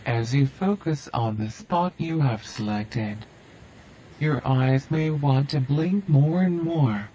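A man guiding a listener through a hypnosis induction with slow, soothing, repetitive suggestions. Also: medium pitch, dark tone, dull audio, slight background noise.

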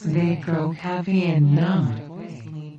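A woman leading a guided relaxation hypnosis in a soothing, deliberate manner with long pauses. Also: deep voice, steady tone, muffled recording, crowd noise. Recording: roomy, distant, hissy background noise.

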